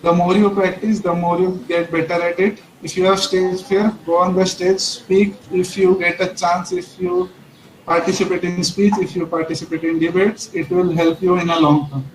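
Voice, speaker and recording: A man's voice: high-pitched, little pitch movement, moderate pace, slight background noise. A man presenting an instructional webinar. He works through his points one by one, restarts and repeats phrases, and checks in with the audience. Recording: roomy echo with faint background ambience.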